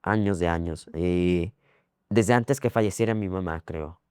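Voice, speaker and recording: A young man from Ecuador with an Ecuadorian accent, telling his story as a guest in a casual interview, repeating phrases and filling pauses. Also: sits low, a little mellow, clean tone, no room sound, studio quality. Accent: Ecuadorian Spanish. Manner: rambling, repeats phrases, frequent fillers.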